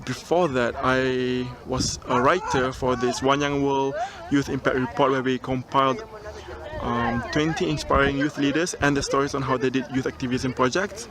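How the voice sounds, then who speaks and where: A young man recording a casual video cover letter outdoors on a mountain top, relaxed and chatty, with frequent ums and restarts. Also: mid-range voice, moderate pace, a crowd in the background. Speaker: job applicant. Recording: outdoor recording with clear background noise.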